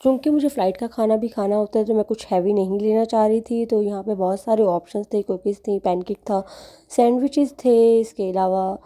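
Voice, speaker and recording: Woman, Pakistani accent, very mellow soft-edged tone, casual travel vlog narration, chatty, English phrases mixed in. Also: mid-range voice, fairly even intonation, a little fast, few pauses. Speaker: travel vlogger.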